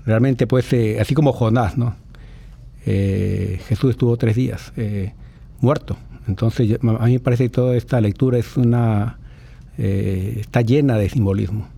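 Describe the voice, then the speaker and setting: Mellow-voiced man reflecting on scripture. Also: medium pitch, steady tone, normal speed, creaky, slightly rough. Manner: thoughtful, with many fillers and tag questions. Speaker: co-host commenting on scripture. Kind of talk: casual religious commentary.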